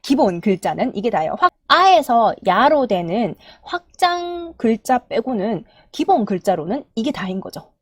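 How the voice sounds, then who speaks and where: A woman's voice: a little high, big pitch swings, moderate pace, dry recording. A woman teaching Japanese syllables in Korean, patiently counting aloud and drawing out each sample sound. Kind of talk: spoken lesson.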